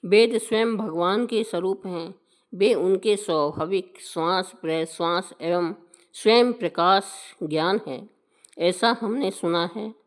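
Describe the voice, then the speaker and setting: A woman voicing stern male messengers of death, demanding answers in a slow, measured recitation. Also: on the low side.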